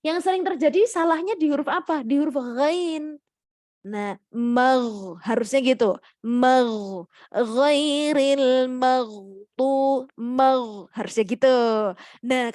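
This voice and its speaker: A woman's voice: high-pitched, no echo, studio quality. A woman with an Indonesian accent teaching Quran recitation in an online class, patiently explaining and demonstrating letter sounds while checking in with her students.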